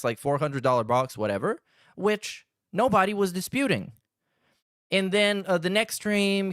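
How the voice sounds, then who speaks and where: A man's voice: on the high side, no room sound, studio quality. A man giving casual reaction commentary in a crude, slangy, sardonic way as a podcast host.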